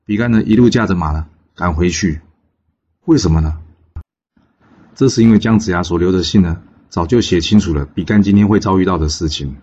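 A man telling a folk legend in a lively, chatty way. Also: low-pitched, a little fast, husky, muffled recording. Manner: lively, chatty, with many filler particles. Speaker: storyteller. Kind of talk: oral storytelling of a folk legend.

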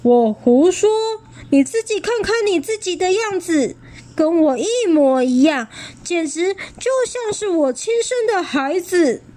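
A woman's voice: very high voice, expressive, a little slow, warm tone, pitched above the performer's own voice. A woman voicing a sly, menacing grown male tyrannosaurus in a storybook reading, with sneering chuckles and an insistent manner.

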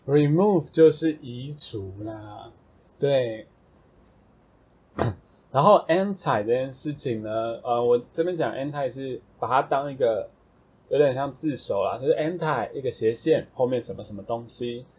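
Casual male podcast host, Taiwanese Mandarin accent, husky and slow-paced, thinks aloud while teaching words. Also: mid-range voice. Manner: relaxed, thinks aloud with fillers and self-corrections. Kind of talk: casual vocabulary explanation.

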